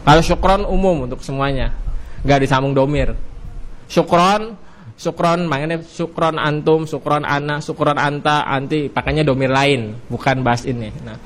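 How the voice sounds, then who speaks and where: Indonesian man drilling Arabic grammar. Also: steady tone. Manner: repetitive drilling, rising pitch on each cue then dropping on the answer; stretches out Arabic words slowly. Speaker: Arabic teacher. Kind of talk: classroom lesson.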